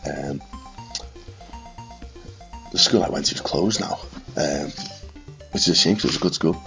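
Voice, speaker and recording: A man in his thirties from Liverpool and Widnes, England, with a northwest English accent, makes retro gaming videos and reminisces quietly and casually to camera from a small furnished room at home. He's congested with a cold, and his very deep voice has a subdued, late-night feel at a moderate pace, with faint music behind him.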